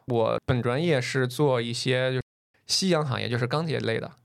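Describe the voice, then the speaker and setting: A man with a loud voice, in casual podcast chat, telling stories from his past with laughs and swears. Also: medium pitch, brisk, creaky. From northern China. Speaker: podcast co-host.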